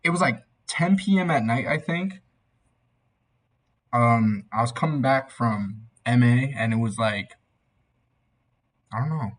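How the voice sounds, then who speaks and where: A young man giving a casual, tipsy album reaction in a loose, meandering, slightly husky way. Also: mid-range voice, measured pace, pauses often. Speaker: amateur music reviewer.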